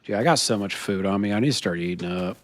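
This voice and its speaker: A man streaming a survival game, chatting in character and to his viewers, laughing often as he talks. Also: fast. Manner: chatty, laughs often, lively swings in pitch. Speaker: streamer playing a role-play character. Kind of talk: live gameplay role-play chat.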